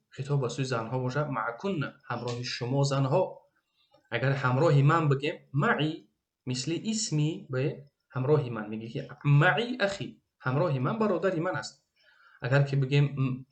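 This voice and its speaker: Here a mid-range male voice with a Tajik accent leads an Arabic grammar lesson, going over each phrase slowly and following it with a translation.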